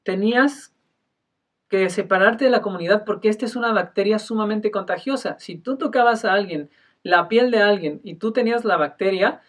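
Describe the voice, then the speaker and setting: A male pastor giving a sermon, emphatic, moving between loud and soft delivery and often clearing his throat. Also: high-pitched, normal speed, far from the mic.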